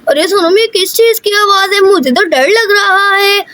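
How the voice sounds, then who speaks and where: Figure: a woman doing scared little girls. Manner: squealing, panicky. Pitch: very high. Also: normal speed. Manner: squealing, panicky, shouting for mom. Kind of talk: doll story character voice.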